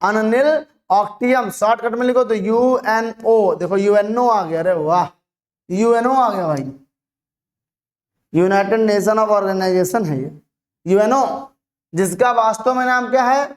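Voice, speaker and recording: A teacher giving an online chemistry lesson to students, asking questions and answering them, repeating each term slowly. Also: medium pitch.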